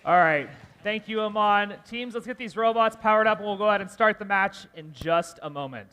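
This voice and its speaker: A man working as a live event emcee, introducing teams in a drawn-out, singsong announcer delivery. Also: sits high, pushed and bright, clean tone. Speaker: event emcee at a robotics competition. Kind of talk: live arena announcing, hyped team introductions.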